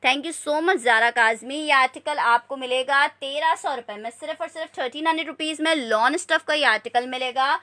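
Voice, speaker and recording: A woman hosts a live shopping stream. Her voice is high and bright, with a forward edge. She repeats details in a steady sales patter and breaks off to chat casually with viewers. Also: fairly quick, hardly any pauses. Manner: repetitive selling patter, repeating prices and sizes. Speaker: live online clothing seller.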